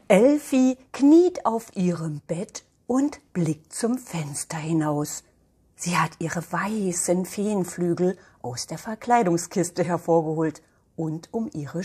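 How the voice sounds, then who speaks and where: Older woman reading softly to kids. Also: lowish voice, breathy edge. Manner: soft, often whispery storytelling. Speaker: grandmother storyteller. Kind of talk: reading a children's book aloud.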